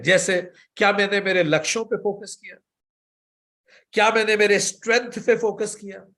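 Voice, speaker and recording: A man gives a spiritual lecture as a yoga teacher, in a fairly high voice. He guides listeners with questions and stories. He recites the sutras slowly and deliberately. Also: gravelly, fairly bright tone. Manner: slow, measured recitation of sutras.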